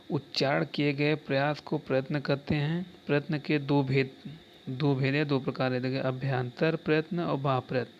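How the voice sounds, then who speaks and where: A man leads an exam-prep lesson, walking through answers one step at a time and repeating each term. His delivery stays flat and even. The recording sounds slightly dull, with a faint hiss behind him. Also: fairly high pitch. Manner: explains step by step, repeats terms, keeps saying "dekhiye". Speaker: teacher.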